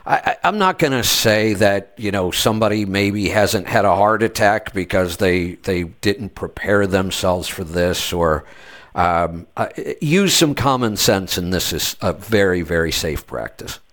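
A man's voice: low-pitched, animated, measured pace, a bit bright. A man hosting a casual talk, telling stories in a laid-back way with frequent restarts. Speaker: host. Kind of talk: casual podcast chat.

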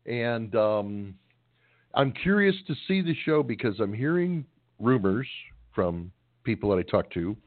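A man's voice: fairly low pitch, big pitch swings, unhurried, no echo. A middle-aged man co-hosting a trucking call-in radio show, chatting casually in a rambling, joking, folksy way. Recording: dry, tinny phone-line sound.

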